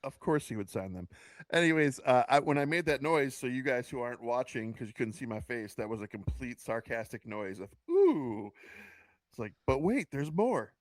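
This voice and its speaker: Male podcast co-host, mid-pitched, sarcastic and exasperated, dry close mic. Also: a little fast, no echo. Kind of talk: casual podcast chat.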